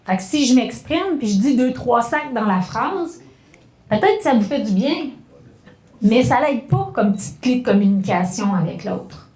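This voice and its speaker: A woman's voice: fairly high pitch, animated, a little mellow, echoey room. Québécois woman teaching communication skills. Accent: Québécois French. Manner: conversational, acts out examples with slowed, stressed phrases. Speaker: communication workshop speaker. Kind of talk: spoken lesson to an audience.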